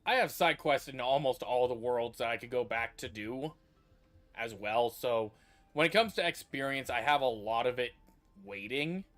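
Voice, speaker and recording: A man's voice: medium pitch, moderate pace, fairly bright tone, faint music behind. A man streaming a video game, talking casually and thinking aloud with meandering restarts. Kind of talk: casual livestream commentary.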